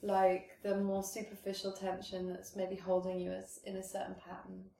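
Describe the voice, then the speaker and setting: A woman chats casually in a mellow, mid-range voice. She sounds like she is in an echoey room, a little away from the microphone. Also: mid-range voice, monotone, moderate pace, gravelly. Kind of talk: casual conversational chat. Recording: roomy, distant mic with background noise.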